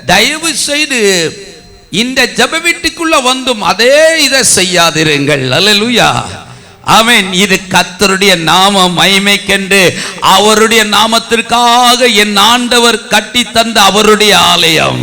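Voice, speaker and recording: Man, pastor, Tamil accent, exhorting sermon, high-pitched, piercing tone. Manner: exhorting, scolding the congregation with shouted bursts.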